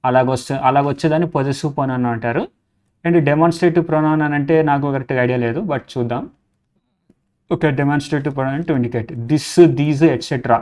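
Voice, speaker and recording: A man's voice: medium pitch, darkish tone. Man teaching grammar in Telugu. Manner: explains in Telugu and reads English questions slowly; thinks aloud with many okays and restarts. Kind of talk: exam grammar lesson.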